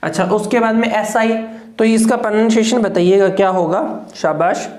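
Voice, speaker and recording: A woman's voice: medium pitch, steady tone, normal speed, darkish tone, echoey room. A woman with a Hindi accent teaching English phonetics, repeating each word several times. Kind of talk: phonetics lesson.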